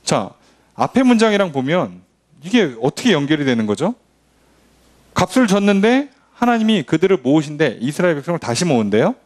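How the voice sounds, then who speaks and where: A male pastor leading a midweek Bible study, teaching in a conversational, animated way and acting out quotes. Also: on the high side, fairly quick. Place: church.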